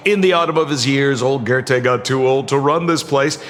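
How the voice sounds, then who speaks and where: A man voicing a sly, showy young swindler with a smooth sales patter in a video game. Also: medium pitch, fairly bright tone, in a large hall, soft background music, close to an everyday voice. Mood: slyly smug. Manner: smooth-talking, showy, drawn-out. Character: sly, theatrical young swindler playing hotel owner.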